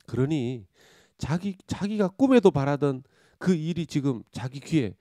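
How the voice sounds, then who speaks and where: Warm, dark-voiced man preaching a sermon. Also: a little high, expressive, measured pace, dry recording, clean studio sound. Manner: storytelling, acts out the cries and inner thoughts of the figures; preaches with rising intensity, often breaks into a loud raised voice. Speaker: pastor.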